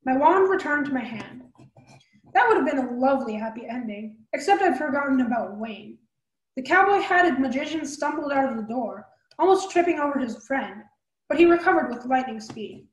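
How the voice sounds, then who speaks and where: A woman reading a fantasy novel aloud as a storyteller, brisk, with small slips and restarts. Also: high voice, expressive, reverberant, low-quality recording.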